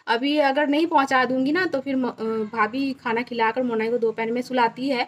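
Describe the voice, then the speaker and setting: Woman vlogger with a slight lisp, high voice, chatty and explaining things as she goes. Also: fairly even intonation, normal speed. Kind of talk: casual home vlog chat.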